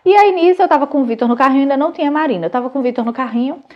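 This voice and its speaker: A Brazilian woman in her thirties, a mother and channel host, telling a family story in a casual, animated, chatty way with many restarts. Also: high voice, racing, highs cut off. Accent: Brazilian Portuguese.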